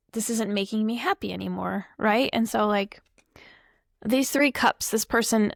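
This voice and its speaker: A woman's voice: mid-range voice, no room sound, clean studio sound. A woman reading tarot cards to camera in a loose, rambling, apologetic way, full of asides. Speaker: tarot reader.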